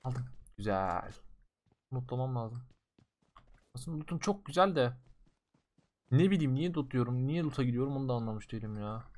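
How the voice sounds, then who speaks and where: Young male game streamer, casual slangy commentary, jumps from yelling to muttering, talks straight to viewers. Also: mid-range voice, moderate pace, long pauses. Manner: excitable, swings between loud outbursts and muttering.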